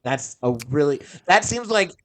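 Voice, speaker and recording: A man's voice: a little high, expressive, normal speed, a bit bright, dry recording. Man musing aloud as podcast host. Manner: meandering, thinks aloud with restarts. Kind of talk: casual podcast chat.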